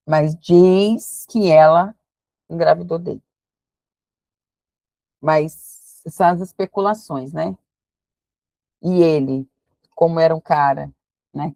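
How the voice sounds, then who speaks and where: A woman's voice: low voice, gravelly, darkish tone, dry recording. A woman, teaching a casual Bible study and thinking aloud as she reads verses. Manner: chatty, thinks aloud while reading verses.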